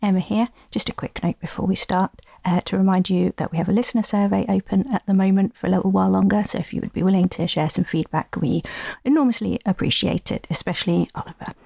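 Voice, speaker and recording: Chatty woman podcast host, gravelly edge. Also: mid-range voice, steady tone, fast, warm tone, no room sound, clean studio sound. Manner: chatty, enthusiastic, many fillers. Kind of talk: casual chat.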